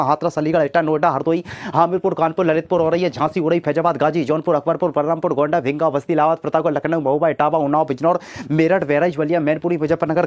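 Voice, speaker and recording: Young man rattling off a list very fast, breathlessly. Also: on the high side. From India, Datia district. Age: young adult. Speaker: record-attempting reciter. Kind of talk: memorized rapid-fire recitation of a list.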